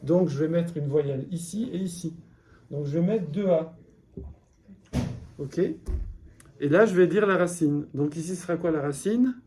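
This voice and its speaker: A man leads a classroom lesson, walking his students through each point patiently. His voice sits a little high yet stays warm and soft-edged. He keeps checking in with the room through quick questions. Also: slight background noise. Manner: patient, explains step by step and quizzes the class. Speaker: Hebrew teacher.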